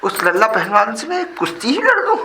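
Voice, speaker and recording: A man's voice: high voice, huge pitch swings, a little fast, background noise. A man playing a cocky, boastful, scrawny young village man in a comedy sketch. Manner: cocky, brash bragging.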